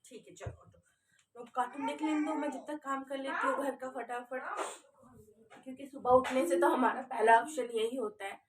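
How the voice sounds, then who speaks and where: Young woman vlogger, higher-pitched voice, casual chat, phone mic that drifts away at times. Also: normal speed, distant mic, a crowd in the background. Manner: soft and sleepy at first, then loud scolding of a pet. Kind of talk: casual daily vlog chat.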